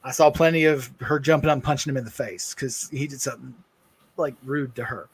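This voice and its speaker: A man co-hosting a livestream, telling a personal story in an earnest, halting way with many restarts. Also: mid-range voice, slight background noise. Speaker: livestream co-host.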